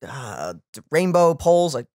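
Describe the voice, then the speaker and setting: Chatting casually as a reaction channel co-host, this man in his twenties occasionally hunts for the right words. His slightly high voice is sing-song at a normal speed, with no room sound. He is indoors in a small home room, close to a boom-arm studio mic.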